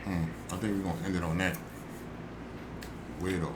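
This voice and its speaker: A man's voice: low voice, flat delivery, normal speed, background noise. A young man co-hosting a podcast, arguing his points in an assertive, emphatic way during a casual debate. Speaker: podcast co-host.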